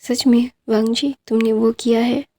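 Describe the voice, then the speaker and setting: Teasing young man, playful lover, slightly high and even, woman narrator voicing him. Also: moderate pace.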